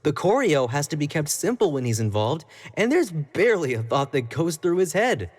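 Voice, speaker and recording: A man with a fairly high, sing-song voice speaks at normal speed, sounding scornful. In character as an obsessive, jealous young pop idol, he delivers a dramatic monologue intimately to the listener, alternating between sweet pleas and cold condescension.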